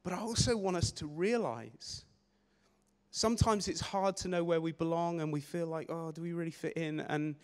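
A young man preaching a sermon on a church stage with a handheld mic, energetic and gesturing, often repeating words as he restarts phrases. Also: a little high, normal speed, clear, resonant tone. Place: church stage in a large hall. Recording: long hall reverb.

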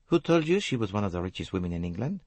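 A man's voice: fairly low pitch, big pitch swings, fast talker, darkish tone, no room sound, pitched above the performer's own voice. Hercule Poirot, a man putting on a prim detective. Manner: precise, formal. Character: fussy, dignified little male detective, proud.

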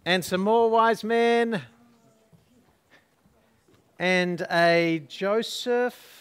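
A man's voice: high voice, very slow, smooth. A man pastor leading a Christmas story at a church service, playfully coaching the crowd through call-and-response prompts.

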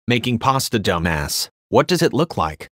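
Dude voicing a grumpy rude goblin lady, snappy, lowish voice. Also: big pitch swings, normal speed, fairly bright tone, no echo, studio quality. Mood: snappish. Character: grumpy crude female goblin, rude and unbothered.

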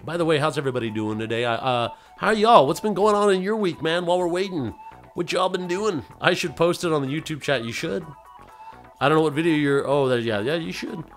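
A man's voice: on the high side, expressive, a little fast, soft background music. A man hosting a casual game livestream, chatting loosely and playfully with viewers and slipping into silly voices. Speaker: livestream host.

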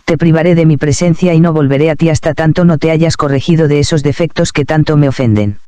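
A man reading the measured, grave lines of a stern yet tender male divine voice in a devotional story. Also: fairly high pitch, warm tone, clear, resonant tone, no room sound, lightly acted.

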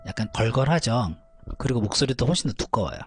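A man teaching a vocal lesson, calmly explaining technique between high belted demonstrations. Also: fast, noisy background. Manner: explains calmly, then belts high shouted notes. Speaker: vocal coach.

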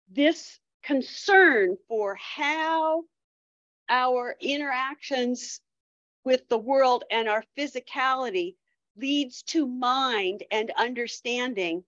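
A woman's voice: high voice, fairly bright tone, no echo, lo-fi sound. A woman giving an academic lecture, thinking aloud with frequent restarts and fillers.

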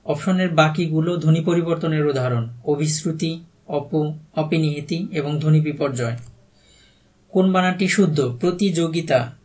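A man's voice: a little high, fairly even intonation, moderate pace, a little mellow. A man with a Bangladeshi Bengali accent, working as an exam prep tutor and reading out quiz questions, each followed by its answer and a brief explanation. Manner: reads each question then gives the answer plainly.

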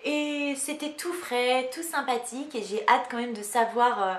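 A woman's voice: on the high side, fairly even intonation, a little slow, a little hiss or hum. A woman vlogger chatting casually to camera, self-mocking, with many fillers. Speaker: book vlogger. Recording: roomy echo.

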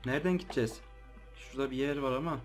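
A man's voice: medium pitch, rapid-fire, faint music behind. A man giving casual, slangy commentary while playing a horror game, jumpy and easily startled as he talks to his viewers. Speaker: let's play gamer.

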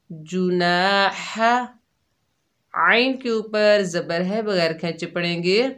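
A woman teaching Quran recitation rules step by step, explaining each letter patiently and then chanting the syllables drawn out and louder. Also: fairly low pitch. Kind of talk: tajweed lesson, slow syllable drills.

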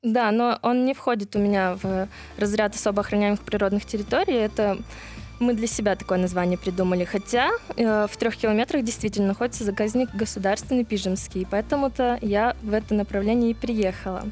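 A woman guest tells stories in a conversational way. Her voice is of middle pitch, recorded in a studio with faint music behind it. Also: fairly even intonation, brisk, a little mellow. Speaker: interview guest, nature park founder. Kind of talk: conversational storytelling. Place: small TV studio.

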